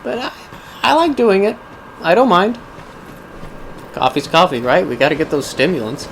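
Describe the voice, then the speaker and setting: A man's voice: high-pitched, big pitch swings, normal speed. A man giving casual, rambling gameplay commentary as host, musing wryly as if to himself. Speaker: gaming video host. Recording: clearly noisy background under voice.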